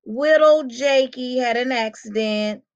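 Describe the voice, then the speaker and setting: A sneaky little schoolboy bully, put on by a woman reading aloud, talking in a high, whiny baby voice that shrieks and whimpers. It is a storybook reading on a dull, lo-fi recording. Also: slow. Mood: mocking. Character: bully boy faking a baby voice and injury.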